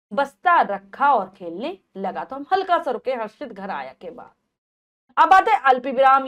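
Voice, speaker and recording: A woman teacher explaining a grammar lesson to children, patiently repeating and rephrasing each point. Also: high voice.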